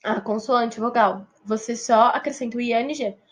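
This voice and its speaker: A woman teacher with a Brazilian Portuguese accent patiently explains English grammar in a recorded lesson, frequently checking in with her students. Her voice is fairly high and breathy-edged, at a moderate pace.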